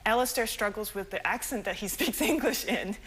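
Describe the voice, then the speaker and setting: A woman in her thirties from Singapore is a guest author in a morning TV studio interview. She's chatty, laughs often and uses many fillers, with a medium-pitched, husky, fairly bright voice that runs a little fast.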